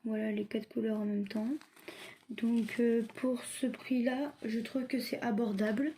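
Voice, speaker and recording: A woman giving a casual hands-on craft demo and review, talking hesitantly in halting, often unfinished phrases. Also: fairly high pitch, steady tone, warm tone, a little hiss or hum. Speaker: craft video creator.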